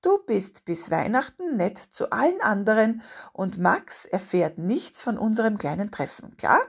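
Cool older boy, calm and protective, slightly husky, read by a woman narrator. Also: medium pitch, unhurried, exaggerated voice. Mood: coolly threatening.

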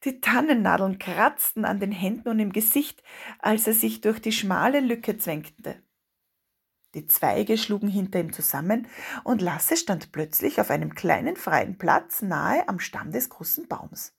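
A woman reading a children's story aloud in a steady, expressive way. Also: mid-range voice, a little slow, creaky, husky.

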